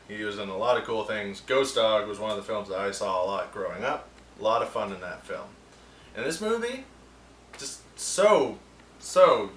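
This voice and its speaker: A man hosting a film review show delivers casual, sarcastic rants in a bright, forceful voice. He sits back from the mic, so his voice rings in a roomy echo. Faint ambient sound hums behind him. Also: on the low side, far from the mic, a little hiss or hum. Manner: sarcastic, animated ranting.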